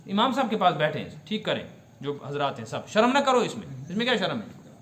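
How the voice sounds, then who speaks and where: بلند آواز، گونجتا ہوا کشمیری لہجے والا بزرگ مفتی. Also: male voice, high voice, big pitch swings, a bit bright, echoey room, a little hiss or hum. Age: older. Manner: explanatory, asks the audience questions and repeats Arabic words slowly. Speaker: mufti teaching Quran commentary. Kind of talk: religious lesson.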